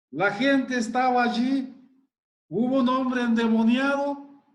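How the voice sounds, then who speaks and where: A man preaching a sermon, explaining scripture in a deliberate, emphatic way and exclaiming in wonder. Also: very high voice, reverberant.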